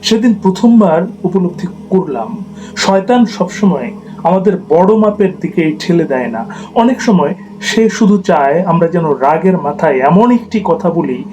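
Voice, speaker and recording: A man telling a reflective story in a soft, measured narration voice. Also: sits high, expressive, a little hiss or hum, low-quality recording.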